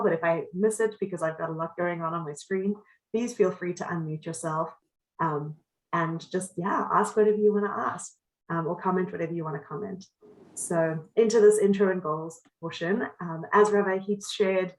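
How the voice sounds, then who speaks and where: A South African woman with a Cape Town accent runs an educational workshop over a video call, upbeat and welcoming, with plenty of ums. Her voice sits on the low side, and the low-quality recording is reverberant.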